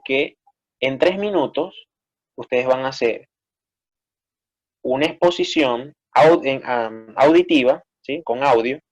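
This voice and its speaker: Male teacher, Peruvian accent, patient explanatory delivery, even middle voice. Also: medium pitch. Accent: Peruvian Spanish. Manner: explanatory, frequent checking "¿sí?". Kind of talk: online class instruction.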